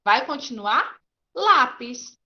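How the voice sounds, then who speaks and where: A woman's voice: sits high, big pitch swings, slow, bright, forceful tone, muffled recording. A woman teaching an online grammar class, explaining patiently step by step and checking often that students follow.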